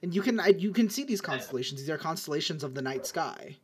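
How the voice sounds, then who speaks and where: A man's voice: on the high side, expressive, fast talker, crowd noise. A young man as game master of an online tabletop game, describing scenes in a rambling way with many restarts.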